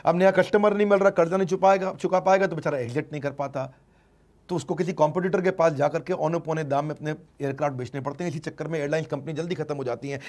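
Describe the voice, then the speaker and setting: Male business teacher; lively, emphatic lecturing, pitched a bit high. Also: fast. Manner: lively, emphatic, acts out customer lines. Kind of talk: informal lecture.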